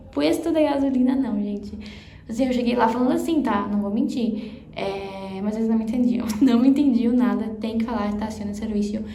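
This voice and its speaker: A woman's voice: a little high, darkish tone, a little hiss or hum. Chatty woman teaching in a roomy space. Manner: chatty, laughing, playfully exaggerated pronunciation drills. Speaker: Spanish teacher. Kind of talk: casual video lesson. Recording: roomy echo, faint ambience.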